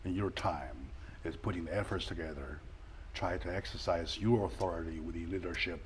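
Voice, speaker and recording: Male host, low voice, halting, filler-heavy, faint hiss. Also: steady tone. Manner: halting, many fillers and restarts. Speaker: talk show host. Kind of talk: casual interview.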